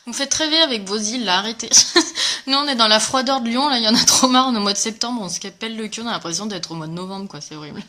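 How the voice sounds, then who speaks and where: A woman with a bright, clear voice hosts a casual live makeup tutorial. She talks in a bubbly, chatty way, full of fillers, and greets her viewers while she demonstrates. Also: on the high side, rapid-fire. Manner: chatty and enthusiastic, many fillers. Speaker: makeup presenter.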